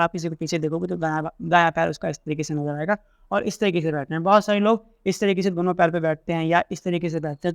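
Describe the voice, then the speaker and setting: A man giving an instructional lesson on correcting mistakes in prayer, explaining step by step and slowly demonstrating recitations. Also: on the high side, smooth, dry recording, studio quality. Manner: explanatory, repeats points, many restarts. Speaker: religious teacher.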